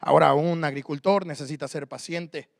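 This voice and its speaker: Man, pastor preaching, high bright voice, dry close sound. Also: steady tone, moderate pace, vocal fry, dry recording. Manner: swings from loud emphatic preaching to quiet asides. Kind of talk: sermon.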